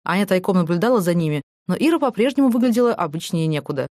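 A woman narrating a novel as an audiobook in a brisk, even storytelling manner. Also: on the low side, dry recording, clean studio sound. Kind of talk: scripted narration.

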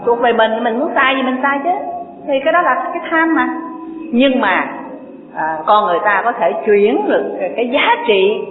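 A woman's voice: on the high side, lively intonation, normal speed. A woman gives a folksy Buddhist dharma talk, telling stories and asking the audience questions. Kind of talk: sermon with storytelling. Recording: tinny, echoey hall recording.

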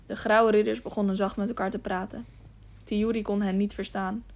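A woman narrating a storybook audiobook in a steady reading voice, now and then slipping and restarting a word. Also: medium pitch, a little fast.

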